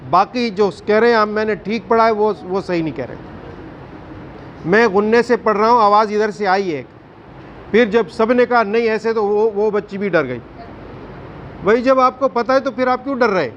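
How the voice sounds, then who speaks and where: A man teaching a Quran recitation class, firm and questioning, drawing out recited words slowly. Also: high voice, muffled recording, slight background noise. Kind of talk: classroom tajweed lesson.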